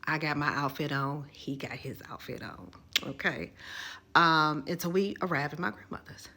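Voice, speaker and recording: A woman telling a personal story in a casual storytime video, animated and conversational, with asides to her viewers. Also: low voice, moderate pace.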